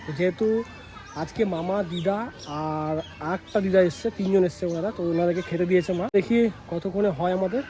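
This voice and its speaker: A man's voice: high voice, steady tone, a little fast, dark tone. A young man vlogging casually about his day at home, chatty, and teasing and bossy with a child. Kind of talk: casual vlog narration. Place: home and yard, in and out of doors.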